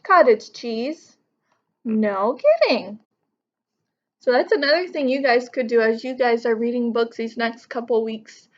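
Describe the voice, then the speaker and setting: A teacher in her thirties reads a picture book to young pupils, explaining it in an instructive way while sitting on a living room couch at home. Her pitch is fairly high and her pace a little slow. The sound is lo-fi.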